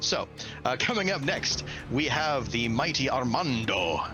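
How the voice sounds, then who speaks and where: Narrating a tabletop game as game master, this man sounds very animated yet unhurried, using a mid-range voice and a slangy, dramatic, enthusiastic style. Music plays behind him throughout.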